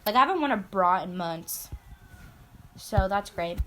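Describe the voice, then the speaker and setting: A woman's voice: medium pitch, lively intonation, a little slow, fairly bright tone, slight background noise. A teenage girl co-hosting a casual podcast, telling stories with lots of "like", swearing and giggling. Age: late teens. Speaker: podcast co-host. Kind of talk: casual chat.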